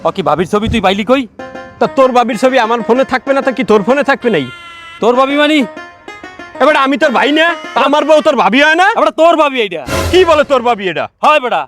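A jealous, indignant brother, played by a man quarrels in a very high, quick voice. His lines are full of outrage, and background music runs under them. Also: lively intonation. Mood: bickering. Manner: indignant, bickering, loud.

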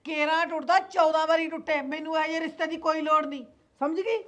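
A woman's voice: sits high, fairly even intonation, quick pace, a bit bright. An actress playing a scolding, sarcastic mother-in-law with a Punjabi accent in a family drama skit. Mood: bitter. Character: sharp-tongued middle-aged mother-in-law. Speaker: mother-in-law demanding dowry.

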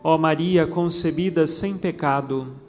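A man with a Brazilian Portuguese accent leading a recited rosary prayer in a steady chant. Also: fairly high pitch, a little slow. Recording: long reverb with background music.

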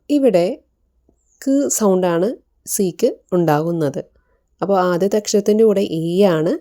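A woman's voice: lowish voice, mellow. A Malayalam-speaking woman, teaching English phonics online, patiently spelling words out letter by letter.

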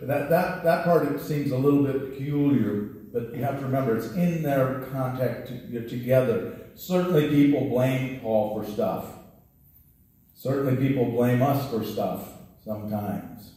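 Speaking a little slowly in a mellow, mid-range voice, a middle-aged pastor delivers a sermon at a church pulpit. He talks conversationally, frequently restarting, into a headset mic. The audio has a roomy church echo and sounds distantly miked.

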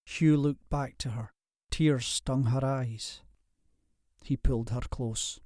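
A man narrating a historical romance audiobook in a measured, steady way. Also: medium pitch, dry recording. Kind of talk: scripted narration.

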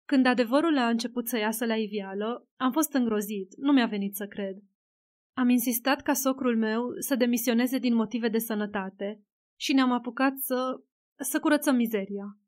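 A woman reading as a weary, quiet-spoken politician. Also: on the high side, lightly acted. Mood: grave. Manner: quiet, measured. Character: weary calm male politician.

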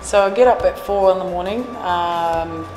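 A New Zealand woman in her forties who runs a café and trains fitness classes answers interview questions earnestly, full of fillers and restarts. Her voice is on the low side at a moderate pace, recorded indoors in the café, an echoey room with long reverb and music behind.

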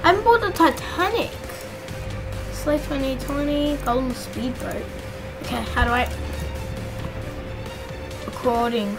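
High-voiced excitable woman gaming. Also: unhurried, pauses often. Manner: excitable, chatty, squeals when thrilled. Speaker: gaming YouTuber. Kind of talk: casual gameplay commentary. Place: home room with the door shut. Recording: clear game music underneath. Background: game music.

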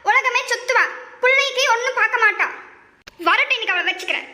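A woman doing a shrill nagging cartoon grandmother. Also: fast, sharp tone, reverberant, heavily acted. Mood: grumbling. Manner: grumbling, scolding. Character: scolding old grandmother, mother-in-law, nagging.

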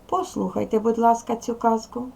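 A woman's voice: fairly high pitch, fairly even intonation, moderate pace, gravelly, dark tone. A woman teacher giving a recorded lesson to young children, asking questions and answering them patiently.

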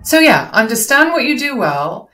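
A middle-aged woman appears as an interview guest over a video call, offering explanatory coaching on public speaking, posing rhetorical questions and giving examples. Her fairly high, very animated voice has a sharp tone and moderate pace, with soft music in the background. She's in an echoey indoor room, with no headset visible.

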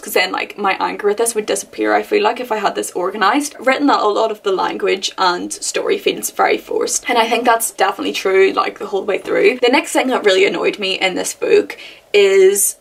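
A woman with a gravelly, somewhat husky voice rants through a book review. She sounds exasperated and rambles from point to point, leaning on fillers and repeating words as she complains. Her pitch sits in a middle range for a woman. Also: a bit bright.

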